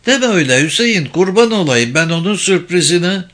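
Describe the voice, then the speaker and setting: A frail, doting old village mother with a thin, quavering voice pitched high above the reader's own, fretful and close to tears, as a male reader puts her on. Her tone is bright and edgy, and she comes in a touch louder than the narration. She belongs to a storybook read aloud. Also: expressive, normal speed. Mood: pleading. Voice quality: trembling, high voice. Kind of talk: storybook reading.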